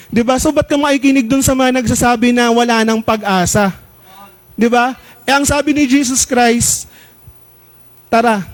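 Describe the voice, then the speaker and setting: A man with a Filipino accent and a strikingly high voice preaches to his congregation. He keeps the sermon chatty, with quick jokes and constant "Amen?" prompts. He slows down whenever he reads scripture aloud. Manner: conversational preaching, asks the crowd "Di ba?" and "Amen?" often, mixes in English; slows down when reading verses aloud. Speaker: pastor.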